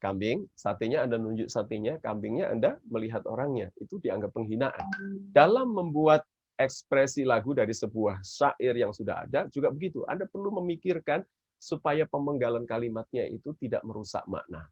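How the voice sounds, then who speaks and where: A man's voice: mid-range voice, animated, normal speed, darkish tone, slightly rough. A man with an Indonesian accent teaching children's songwriting in a webinar, explaining patiently and singing short examples. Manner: explains patiently, breaks into short sung demonstrations. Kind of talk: webinar lecture with sung examples. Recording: dull lo-fi webinar audio with faint guitar.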